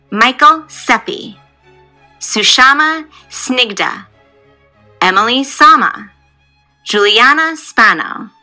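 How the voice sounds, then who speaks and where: A woman reads out names one at a time, slow and deliberate. Her voice is raised in pitch and very bright, with faint music playing under it. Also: low-quality recording. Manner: careful, deliberate name reading. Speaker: announcer reading inductee names. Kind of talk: slow list reading.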